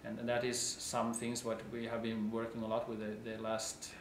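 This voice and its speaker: Coach guy, super flat delivery, echoey room. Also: fairly low pitch, normal speed, a little hiss or hum.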